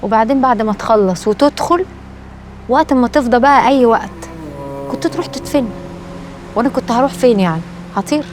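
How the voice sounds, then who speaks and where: A woman's voice: fairly high pitch, quick pace, long pauses, close to an everyday voice. An actress playing a proud, reproachful woman with an Egyptian Arabic accent, teasing dryly. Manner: chiding, dry teasing. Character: proud woman back from supposed death, reproachful.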